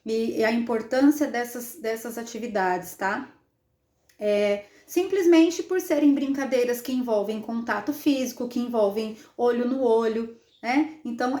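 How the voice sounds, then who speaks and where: Indoors, a child development specialist with a Brazilian Portuguese accent demonstrates how to play with a baby, explaining each step and often tacking on tag questions to check in. Her voice is on the high side with a dark tone, and the room sounds roomy and echoey.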